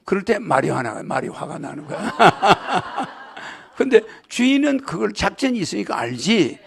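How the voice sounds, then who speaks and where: Gravelly high-voiced man lecturing a crowd. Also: very animated, a little slow, a bit bright, a little hiss or hum. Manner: rambling, asks the crowd rhetorical questions; jokes and laughs with the audience. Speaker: spiritual lecturer. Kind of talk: lecture to a live audience.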